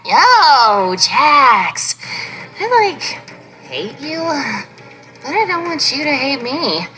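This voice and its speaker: A woman voicing a cheerful, kind-hearted ragdoll woman in an animated series, with a high, bubbly voice. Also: drawn-out words, soft background music, exaggerated voice, low-quality recording. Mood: tipsy, giddy.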